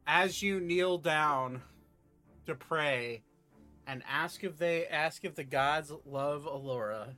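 A man running a tabletop game as game master, narrating casually and haltingly as he searches for words. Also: fairly high pitch, pushed and bright, faint music behind.

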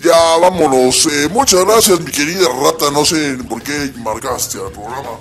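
A man hosts a comedy radio skit and talks in a playful, joking manner. His voice sits a bit high. Faint music plays underneath. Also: expressive, moderate pace. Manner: playful, laughing.

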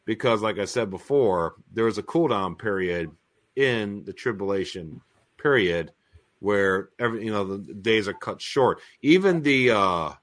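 A man with a fairly low voice co-hosts a live-streamed talk. He speaks earnestly and with emphasis. He repeats himself as he presses his points. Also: expressive, a little slow, fairly bright tone. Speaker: co-host of a prophecy talk stream. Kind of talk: casual live-stream discussion.

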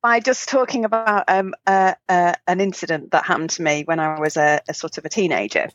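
A woman from the north of England, telling a story in a casual podcast chat and jumping high in pitch when she quotes people. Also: fairly quick, no echo, dull audio. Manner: lively storytelling, jumps high for quoted voices. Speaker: podcast co-host.

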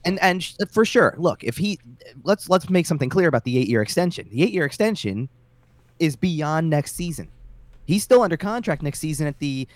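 Co-hosting a casual sports podcast, a man speaks a little high and fairly quickly, with lively intonation. He often restarts and repeats words while making his point, and the audio has no echo.

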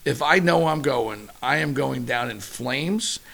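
Gravelly middle-aged chef telling stories. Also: male voice, medium pitch, measured pace. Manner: animated storyteller, casual and profane. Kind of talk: casual interview chat.

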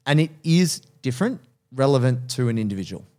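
A man's voice: mid-range voice, sing-song, fairly quick, darkish tone. A man in his thirties, a strength coach and personal trainer, talking candidly and earnestly in casual podcast chat, laughing easily.

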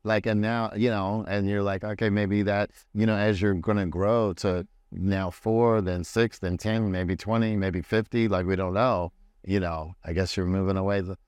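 A man hosting a podcast, chatting in a relaxed, agreeable way and reading quotes aloud. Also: on the low side, moderate pace, smooth, dry recording, lo-fi sound. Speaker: podcast host. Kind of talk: casual podcast conversation.

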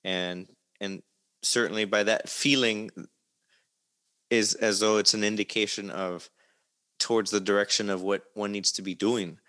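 An interview host leads a long-form conversational interview, asking wordy, reflective questions in a roundabout way. His voice is lowish and fairly bright, with a steady tone and measured pace.

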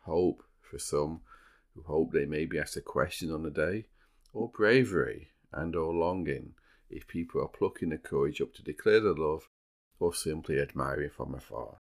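A man's voice: rumbling low, moderate pace, creaky. A man hosting a true crime podcast, moving between casual banter and storytelling, with a dry, teasing humour. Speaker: podcast host.

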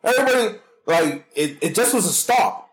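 Captured on a rough recording, a high-pitched, animated man speaks at a moderate pace in his Bahamian accent. As a guest in a casual interview, the cannabis consultant tells his story loudly and chattily, repeating words.

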